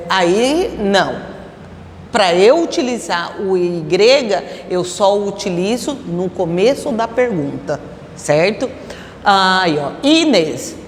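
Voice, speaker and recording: Slow, patient woman teaching in an echoey room. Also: medium pitch, a little hiss or hum. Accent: Brazilian Portuguese. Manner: explains slowly, asks students rhetorical questions. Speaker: Spanish teacher. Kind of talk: classroom grammar lesson.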